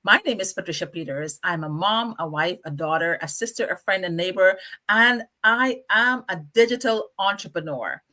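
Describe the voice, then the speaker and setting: Bright, effusive woman hosting a live show. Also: lowish voice, normal speed, few pauses. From Guyana. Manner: enthusiastic, effusive, laughs often. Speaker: show host. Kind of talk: live online interview show.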